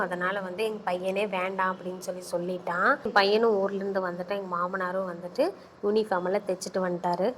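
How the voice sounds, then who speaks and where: A woman's voice: medium pitch, slight background noise, rough recording. A woman in her thirties narrating a casual home vlog, chatting about family and giving step-by-step cooking tips.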